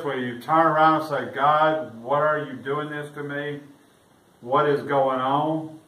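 Here a pastor gives a sermon well away from the mic, inside a church full of echo. Any scripture he reads aloud comes out louder and pitched higher. The sound is roomy and off-mic, with a little room noise in the background.

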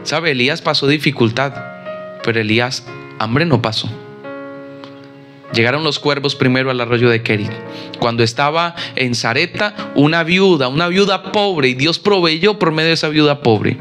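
A man's voice: mid-range voice, normal speed, a bit bright, soft background music. A man preaching a sermon in an emphatic style, acting out the people he quotes.

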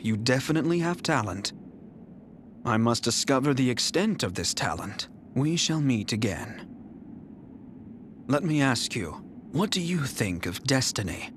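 With a mid-range voice, an actor plays a proud, cool-headed young general for a video game, speaking evenly and with disdain. The clips are clean studio takes carrying faint hiss or hum.

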